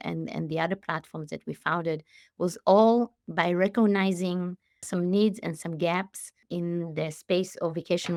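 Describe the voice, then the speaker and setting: Israeli-born woman in her late forties, halting speech. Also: fairly low pitch, no room sound, studio quality. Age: 40s. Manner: warm, halting, many fillers and restarts. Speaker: CEO and guest. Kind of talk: conversational interview.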